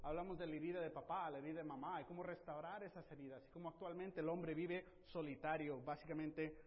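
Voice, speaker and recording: A man's voice: fairly high pitch, steady tone, fast talker. A middle-aged man, a pastor delivering a church sermon and urging the congregation with repeated amens. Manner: exhorting, frequent "amén", drops to soft emphasis at phrase ends. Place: church sanctuary. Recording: dull, roomy church hall recording.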